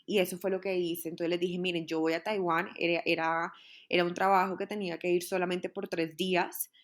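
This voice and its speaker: Earnest woman telling her story. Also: lowish voice. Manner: earnest, heartfelt storytelling with repeated words. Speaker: podcast guest. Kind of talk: personal storytelling in a podcast interview.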